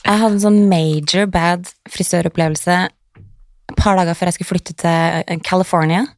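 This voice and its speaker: A woman's voice: on the low side, steady tone, a little mellow, no room sound, studio quality. A woman in casual chat, telling her own story, slipping in English phrases and acting out quotes. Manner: chatty, mixes in English phrases, acts out quotes.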